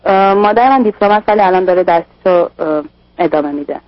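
A woman's voice: on the low side, dry recording, highs cut off. A young woman calling in to a radio advice show, speaking hesitantly with filler sounds. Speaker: caller.

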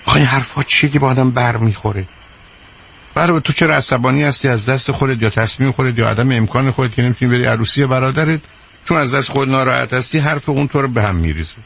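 A man's voice: medium pitch, creaky, fairly bright tone, slightly rough. A middle-aged man hosting a radio call-in advice show, answering a caller bluntly with sarcasm and teasing.

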